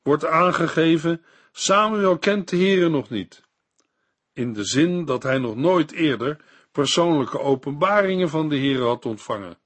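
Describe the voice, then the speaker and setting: Man reading bible commentary, real slow and careful, husky voice. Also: on the high side, expressive. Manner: slow, measured and didactic. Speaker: Bible teacher.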